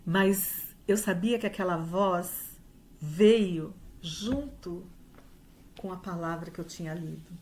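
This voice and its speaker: A woman's voice: lowish voice, slow pace, a little mellow, slight background noise. A woman with a Brazilian Portuguese accent gives a heartfelt sermon testimony at a church service, telling her story with acted-out dialogue. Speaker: church speaker giving a testimony.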